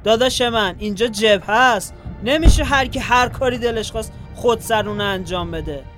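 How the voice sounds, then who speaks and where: An actor playing a young wounded soldier, grieving and quick to anger, blunt and scolding. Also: male voice, high voice, over music, close to an everyday voice. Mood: angry.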